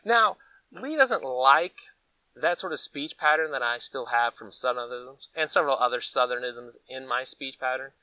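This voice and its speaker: At a moderate pace and in a mid-range voice, a Colorado-based host of a preparedness gear channel chats casually and ramblingly in his vlog. He tells folksy, animated stories with acted-out asides. The low-quality recording has no room sound and a distant mic.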